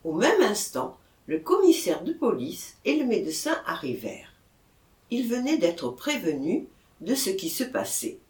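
Audiobook narrator, expressive, lively pitch, roomy echo. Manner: slow, expressive storytelling. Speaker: audiobook reader.

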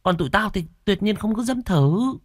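A man's voice: sits high, animated, moderate pace, dry recording, clean studio sound, pitched above the performer's own voice. A man voicing a boastful squinting village boy. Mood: excited. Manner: chatty, conspiratorial, defensive. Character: boastful twelve-year-old boy with a squint, sly.

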